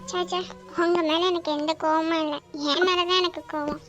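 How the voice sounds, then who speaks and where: Woman voicing a soft-spoken young cartoon woman, very high. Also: little pitch movement, normal speed. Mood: subdued, earnest. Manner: soft, earnest, self-blaming. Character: young woman Tara, lively, now subdued and apologetic. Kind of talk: cartoon voice acting. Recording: dull lo-fi audio with music bed.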